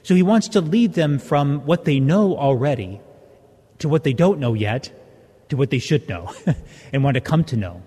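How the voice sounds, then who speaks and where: A man's voice: a little high, animated, normal speed, dark tone, breathy edge. A man, a priest, reading the gospel and then preaching a plainspoken, conversational homily in a large church, his voice trailing off into a long cathedral echo. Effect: long church reverb, like a cathedral echo.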